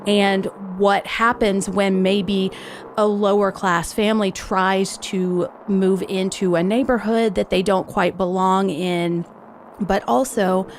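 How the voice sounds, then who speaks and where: A woman's voice: medium pitch, a little hiss or hum. A woman from the United States giving casual spoken analysis as a guest commentator.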